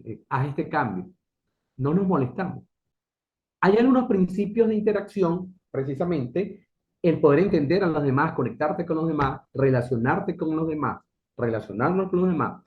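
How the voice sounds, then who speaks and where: A middle-aged man giving an earnest motivational talk as a business consultant, asking rhetorical questions and repeating key phrases. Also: on the high side. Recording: dull lo-fi recording.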